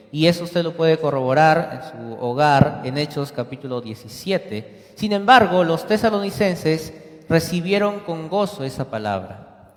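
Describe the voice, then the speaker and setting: A man preaching a sermon in church, asking the congregation questions and acting out short quoted dialogues. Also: fairly high pitch. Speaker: lay preacher. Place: church sanctuary. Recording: echoey church hall.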